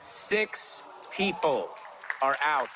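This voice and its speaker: A man's voice: a little high, very animated, very slow, music in the background, crowd noise. A man hosting a television quiz show, reading questions and teasing contestants playfully. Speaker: game show host.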